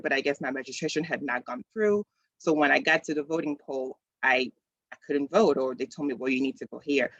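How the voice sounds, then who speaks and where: A man in his thirties from the Congo hosts a community video call, keeping it casual and conversational with many ums and restarts. His mid-range voice has vocal fry and a slightly bright quality. The call audio is dry and a little dull.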